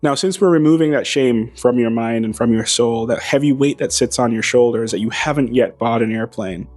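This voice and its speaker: Speaking into a small clip-on mic next to a plane in a hangar, a male aviation host gives a casual, wry and playful monologue to camera while faint music plays underneath. His mid-pitched voice is a little mellow but slightly hoarse, as he's losing his voice.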